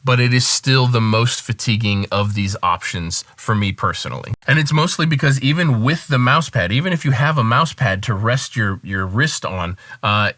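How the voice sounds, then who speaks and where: A man, a music producer, giving a casual product review and calmly weighing the pros and cons. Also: medium pitch, normal speed, few pauses, no room sound, clean studio sound.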